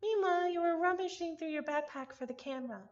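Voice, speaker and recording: A woman with an extremely high voice reads a visual novel aloud quickly, playful and theatrical, breaking off for chatty asides and casual reactions. The recording has a lo-fi sound.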